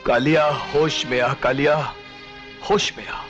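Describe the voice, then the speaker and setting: An actor playing a firm police officer who lectures and pleads in Bollywood melodrama style. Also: male voice, mid-range voice, fairly even intonation, a little slow, highs cut off, close to an everyday voice. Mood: stern pleading. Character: stern middle-aged male police officer, firm and pleading. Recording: film soundtrack with music.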